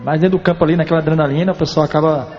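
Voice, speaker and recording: A man from Alagoas, a former goalkeeper now coaching keepers, explaining calmly in an interview. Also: on the high side, big-room sound, muffled recording, faint music behind. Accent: Alagoas Brazilian. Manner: calm, measured explanations. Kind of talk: interview answers.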